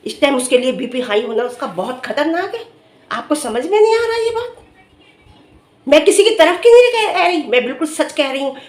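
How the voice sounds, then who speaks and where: A middle-aged woman speaks straight to her viewers in a high voice. She lectures earnestly about family duty, scolding and firing off rhetorical questions. The room around her sounds roomy and echoey. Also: very animated, moderate pace, a little mellow. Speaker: vlogger commenting on another family's dispute. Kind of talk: direct-to-camera opinion commentary.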